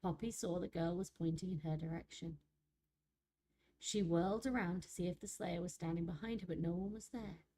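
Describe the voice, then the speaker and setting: Woman streamer, mellow low voice, jokey and chatty, reads lore then riffs with chat. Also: moderate pace. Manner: chatty, joking, laughs often, internet slang.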